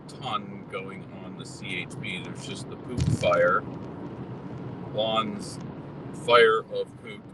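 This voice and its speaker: A man's voice: low voice, fairly even intonation, slow. A man hosting a live stream, chatting in a rambling, laid-back way while driving around in a car. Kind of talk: casual chat while driving. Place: inside a moving car. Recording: distant mic, loud road noise.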